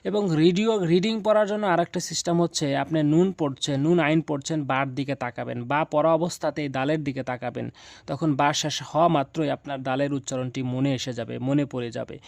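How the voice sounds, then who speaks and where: A man's voice: on the high side, fairly quick, gravelly, no echo. A man teaching Quran reading, chanting letter-by-letter spelling drills and explaining in between.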